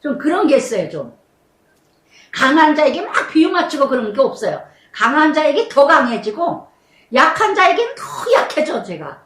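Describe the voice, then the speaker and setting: A middle-aged woman pastor tells her own story from the pulpit in a high, swooping voice. She slows right down to stress the phrases she repeats. The sound is roomy and picked up from some distance in a church. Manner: animated storytelling, dramatic slow emphasis on repeated phrases. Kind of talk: sermon with personal testimony. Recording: echoey room, mic at a distance.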